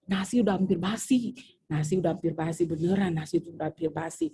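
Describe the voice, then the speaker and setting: A woman teacher, telling a personal story in a chatty, animated way during a training session. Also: on the low side, fast talker, slight background noise. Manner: animated, chatty, full of fillers. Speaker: civil service trainee.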